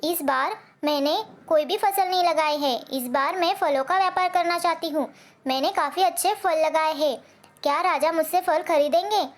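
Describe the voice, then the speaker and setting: A woman's voice: very high-pitched, moderate pace. A woman voicing an earnest sparrow farmer. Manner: hopeful then dismayed, earnest. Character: hardworking female sparrow farmer.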